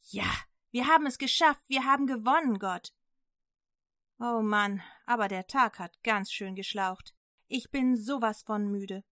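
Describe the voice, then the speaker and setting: A woman's voice: medium pitch, fairly even intonation, measured pace, fairly bright tone, no echo, clean studio sound, natural voice. A woman voicing a worn-out male prophet who talks in earnest, sighing pleas. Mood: earnest weary.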